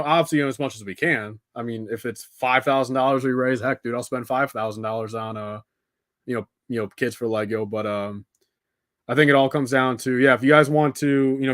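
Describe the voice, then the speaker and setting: With a fairly bright, mid-range voice, a young live streamer chats loosely with his audience while building, unscripted and wandering. He throws in "dude" and "man," and the recording is dry, with very little room to it.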